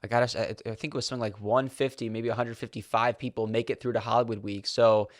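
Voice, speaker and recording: A man's voice: medium pitch, little pitch movement, fast talker, no room sound. Eager male interview host, dry sound. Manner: eager, enthusiastic. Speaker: podcast host. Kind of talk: casual interview.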